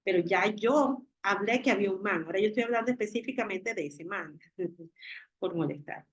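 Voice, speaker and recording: Husky woman teaching over a video call. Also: mid-range voice, poor audio. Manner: switches between Spanish and English, explains slowly with examples. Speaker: English teacher. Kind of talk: online class explanation.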